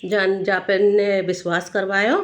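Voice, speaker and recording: A woman's voice: mid-range voice, little pitch movement, unhurried, lightly acted. A woman voicing an angry, stubborn old male devotee who speaks with a Braj accent. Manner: grumbling, scolding.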